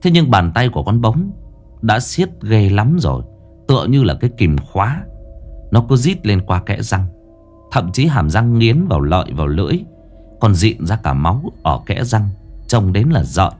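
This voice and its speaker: Male horror storyteller, low voice, very lively delivery, faint music behind. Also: moderate pace.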